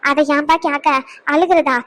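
A woman's voice: high-pitched, steady tone, moderate pace, a bit bright. A woman voicing an anxious middle-aged mother in a cartoon, talking in a fretful, confiding way. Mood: worried. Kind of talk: cartoon voice acting.

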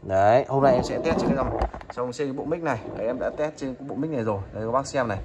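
A man demonstrating audio equipment in a chatty sales pitch, often checking in with viewers. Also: very fast, highs cut off, heavy background noise. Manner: chatty, addresses viewers as "các bác", frequent "được chưa?". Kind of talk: product demo sales pitch.

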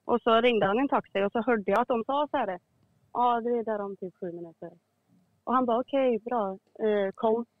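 Man, high voice, dry close sound, laughing caller storytelling. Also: no echo, narrow, tinny audio. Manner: laughs often while telling, animated quoting. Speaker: listener caller. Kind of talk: casual storytelling.

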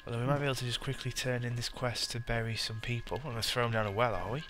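A man's voice: mid-range voice, steady tone, very fast, noisy background. A British man giving casual gameplay commentary with dry, muttered asides. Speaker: gamer, let's play host. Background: game music.

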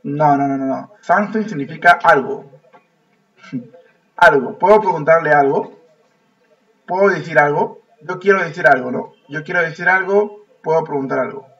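A man running an online English lesson, repeating phrases and urging students along with frequent laughs. His voice sits slightly high for a man and comes through muffled and a bit distant, like computer audio. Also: normal speed, fairly bright tone, slightly rough. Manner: repetitive, coaxing, laughs often. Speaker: English teacher. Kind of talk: online class teaching, mixing Spanish and English. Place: online video class.

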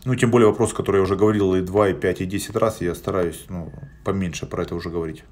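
Speaking rapid-fire in a deep, steady, slightly mellow voice, a man in his forties answers his live-stream viewers bluntly, with many hesitation sounds. He's in a small indoor room, and his arm's-length phone adds a little hiss or hum.

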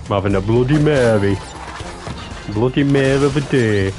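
With music in the background, a man with a deep voice talks at a normal speed to his stream audience while he plays. His chat is casual, playful and full of jokes, broken up by silly bursts of singing.

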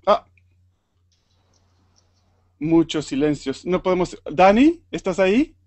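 A man's voice: sits high, sing-song, slow, a little mellow, no room sound. A man from Argentina with an Argentine Spanish accent, teaching an online group lesson and patiently repeating words for learners.

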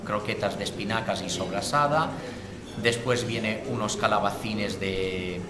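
Man in his forties, restaurant owner, fairly low voice, halting with fillers, listing dishes, echoey room. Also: a loud crowd. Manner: hesitant, many fillers, lists dishes. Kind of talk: interview answers. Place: indoor restaurant dining room. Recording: echoey room with steady background noise.

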